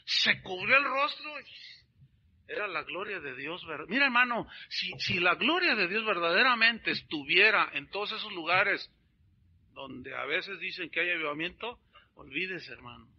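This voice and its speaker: A man preaching a sermon as a pastor, telling stories in an animated way and calling his listeners brothers. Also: high voice, moderate pace, slightly rough, muffled recording.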